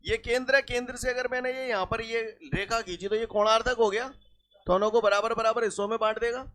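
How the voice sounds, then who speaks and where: Teaching a physics class, this man talks fast in a very high, somewhat bright voice with fairly even intonation. He builds explanations step by step from everyday examples, goes back over key points, uses rustic dialect words, and repeatedly checks whether students understand.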